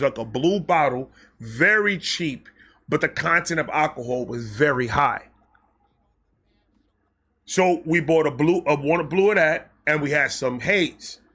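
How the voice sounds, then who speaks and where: A man with a fairly high, bright and forceful voice tells a personal story straight to the camera. He talks in an animated, self-mocking way and swears freely. He often stumbles, restarts and repeats his phrases. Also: a little slow. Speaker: storytime vlog host.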